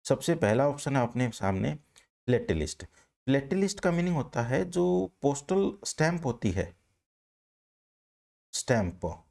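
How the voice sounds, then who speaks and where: A man's voice: medium pitch, gravelly, a little mellow. A man teaching an online vocabulary class, explaining step by step and often asking a question and then answering it himself.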